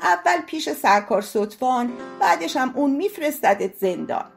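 A woman voicing a gruff male policeman who barks short orders. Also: high-pitched, very animated, faint music behind, exaggerated voice. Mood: curt. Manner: brusque, commanding.

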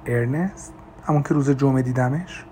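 A man voicing a troubled, unsure mother who answers in quick, shaky, hesitant lines in an audiobook. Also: on the high side, a little hiss or hum, close to an everyday voice. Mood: anxious.

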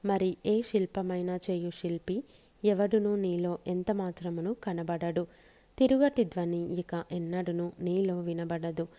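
A woman reading scripture aloud in measured, solemn phrases with short pauses. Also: lowish voice, steady tone, warm tone. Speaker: scripture reader.

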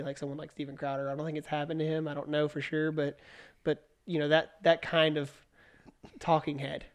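A man with a fairly high, smooth, clear voice talks through current events with a co-host. He is opinionated and talkative, circling back and restarting sentences as he thinks aloud. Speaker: podcast co-host. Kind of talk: casual political chat.

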